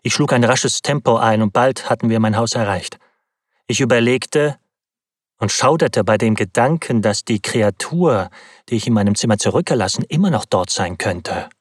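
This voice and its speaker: An audiobook narrator reads a classic novel in the first person, his lowish voice husky and breathy. He delivers it in a measured, dramatic way, recorded close to the mic with no room sound at all.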